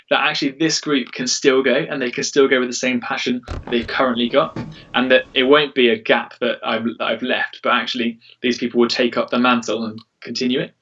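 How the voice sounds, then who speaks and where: A church worship leader with a medium-pitched, sharp-toned voice speaks casually and earnestly in an informal interview. The recording sounds dull, as if the mic were far away.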